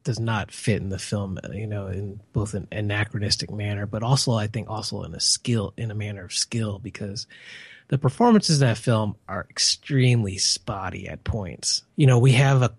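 Husky guy chatting about a movie, lots of "you know", dry close sound. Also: fairly low pitch, moderate pace, dry recording. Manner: rambling, heavy on "you know" fillers. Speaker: podcast film reviewer. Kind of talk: casual film review chat.

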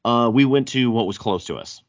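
A man's voice: medium pitch, expressive, normal speed. A man with a thick Southern US accent hosting a casual podcast chat, often stammering and repeating words as he goes. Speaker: podcast host. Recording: dull, roomy echo.

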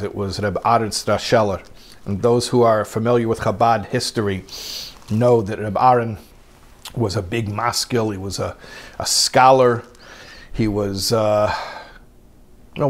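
Animated man telling a teaching story. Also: mid-range voice. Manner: animated storyteller with acted quotes and repeated words. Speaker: rabbi teaching a class. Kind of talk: storytelling Torah class.

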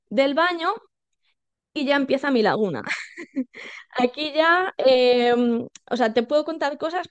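A woman, telling her birth story as a podcast guest, animated and acting out quoted dialogue with many fillers. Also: high voice, dry recording. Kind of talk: personal birth story told in conversation.

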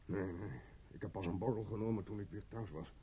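An actor dubbing a frightened suspect who talks haltingly and stammers. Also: male voice, sits low, mellow, lightly acted. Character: shaken man hiding a fatal accident. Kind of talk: dubbed film acting.

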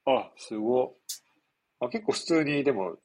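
A man in his twenties with a nasal, stuffed-up, husky voice, chatting casually as a podcast host in a rambling, explanatory way. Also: medium pitch, animated, moderate pace, darkish tone. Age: 20s. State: congested after nose surgery. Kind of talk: casual chat.

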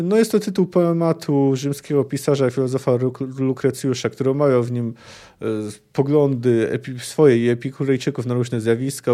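A man's voice: mid-range voice, mellow. A man hosting a book podcast, explaining a fantasy novel chapter with frequent hesitations and fillers. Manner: hesitant, many fillers, thinking aloud. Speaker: podcast host.

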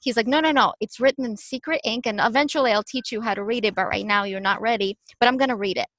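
A woman from Ukraine talking through memories in a relaxed conversation. Her voice sits fairly high and she acts out quoted lines with energy. The sound is close and dry. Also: quick pace, dry recording. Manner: animated storyteller, acts out quotes. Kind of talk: conversational podcast storytelling.

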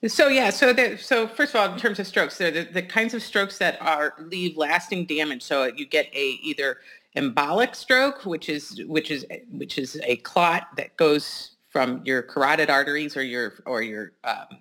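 A woman co-hosting a casual podcast discussion, explaining things in a measured, hedging way. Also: low voice, animated, sharp tone. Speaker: podcast co-host.

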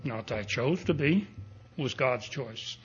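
A male pastor preaching a sermon at a pulpit microphone, speaking in a deliberate, emphatic way and building up to strong declarations. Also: medium pitch, expressive, breathy edge, muffled recording. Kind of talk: expository sermon. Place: church sanctuary.

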